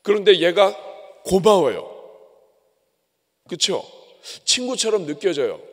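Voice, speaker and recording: A man's voice: high-pitched, expressive, normal speed. A man preaching a sermon as pastor, emphatic and conversational, addressing his congregation. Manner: emphatic preaching with acted asides. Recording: long hall reverb.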